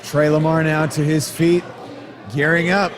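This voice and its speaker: A man's voice: a little high, flat delivery, unhurried, noisy background. A man giving live wrestling commentary as an analyst, weighing up the wrestlers' tactics.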